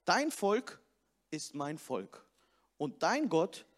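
A man with a high voice preaching a sermon. He speaks straight to the listener and builds up emphasis as he goes. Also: sing-song, drawn-out words. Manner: preaching with rising emphasis, addressing the listener directly.

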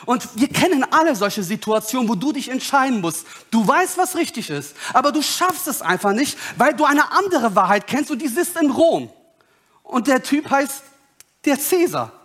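A male pastor preaching a sermon with animated, dramatic storytelling. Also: very high-pitched, moderate pace, breathy edge.

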